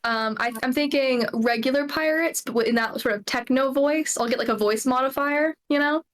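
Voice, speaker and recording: A woman's voice: high voice, normal speed. A young woman who is a guest game runner, chatting casually in a playful, teasing way. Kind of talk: casual chat.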